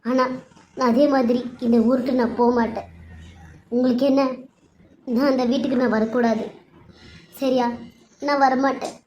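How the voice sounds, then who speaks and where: A woman's voice: high voice, little pitch movement, moderate pace, long pauses, a little mellow, slight background noise. A woman voicing a wronged young pregnant wife in a cartoon serial, pleading and tearful, then grim and vengeful. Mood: defiant. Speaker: narrator voicing characters. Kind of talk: cartoon serial story voice acting.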